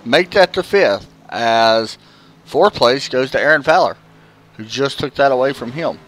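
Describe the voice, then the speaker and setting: With a Southern US accent, a man delivers relaxed, talkative live sim-racing commentary and chats with drivers, sprinkling in plenty of fillers. His medium-pitched voice is expressive and a bit bright, and he keeps a measured pace.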